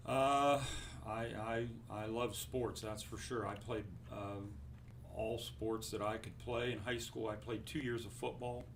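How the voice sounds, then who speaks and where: An older man from Ohio, a basketball coach answering interview questions in a halting way, with many fillers and restarts. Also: mid-range voice, fairly even intonation, slight background noise. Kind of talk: casual interview.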